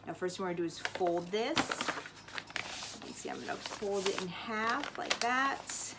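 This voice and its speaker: The recording is very noisy, carrying a medium-pitched, animated woman's voice at a moderate pace. She's a teacher narrating a storybook and demonstrating a craft, guiding listeners through it step by step.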